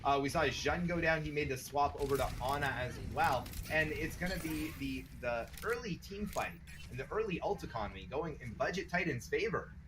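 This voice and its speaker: A man with a Canadian accent calling an online esports match as caster, chatty and upbeat, laughing often and getting excited on big plays. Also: on the high side, normal speed, hardly any pauses, slight background noise. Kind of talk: play-by-play esports commentary.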